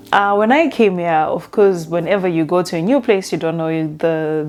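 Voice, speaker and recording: A young woman from Zimbabwe, chatting casually in a vlog with a relaxed manner and frequent fillers. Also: fairly low pitch. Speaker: vlogger. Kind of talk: casual talking-to-camera vlog.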